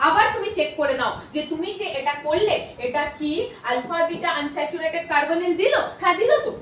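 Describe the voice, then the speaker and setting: A woman with a Bengali accent gives a chemistry video lecture at a quick pace, asking questions and then answering them herself. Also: extremely high pitch, fairly bright tone, slight background noise. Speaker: chemistry teacher. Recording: echoey room, voice from a distance.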